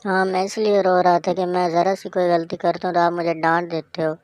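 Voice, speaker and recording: A woman's voice: on the low side, flat delivery, dark tone, no room sound, close to an everyday voice. A woman voicing a defensive young schoolboy in a cartoon story, pleading his case. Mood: hurt. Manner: pleading, protests his innocence.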